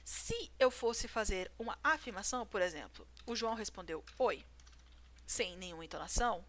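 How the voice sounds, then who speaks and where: A woman's voice: mid-range voice, animated, normal speed. A woman explaining grammar rules to a viewer, working through examples and checking in with "right?". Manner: talks through examples, asks "certo?". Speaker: writing teacher.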